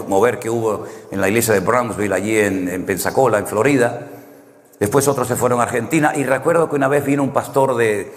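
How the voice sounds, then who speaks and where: A man preaching a conversational sermon, full of anecdotes, who often closes a point with a questioning "no?". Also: mid-range voice. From Canary Islands, Spain. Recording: long hall reverb.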